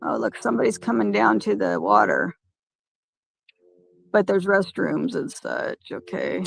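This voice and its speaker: A woman chatting casually on a phone livestream by a lake, talking in halting, rambling bursts with many restarts. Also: medium pitch, wildly swooping pitch, vocal fry. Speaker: van-life vlogger. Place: parked by a lake.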